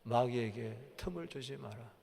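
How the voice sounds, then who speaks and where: A man preaching a sermon as pastor, his delivery swinging from hushed murmurs to loud, emphatic outbursts. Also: mid-range voice, measured pace, creaky, breathy edge. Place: church sanctuary. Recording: long church reverb.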